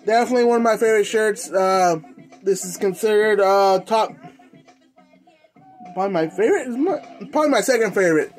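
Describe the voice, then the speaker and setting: A young American man hosting a casual unboxing vlog, talking in a halting, informal, slangy way. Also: high-pitched, soft background music. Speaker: host of a clothing collecting channel. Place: indoors in a room at home.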